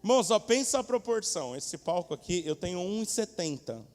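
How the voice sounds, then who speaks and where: Pastor em culto: animado, próximo da congregação, ambiente de igreja com eco longo. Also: male voice, high-pitched, fairly quick. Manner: animated, colloquial, addresses congregation directly. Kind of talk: sermon. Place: church stage. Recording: echoey church hall.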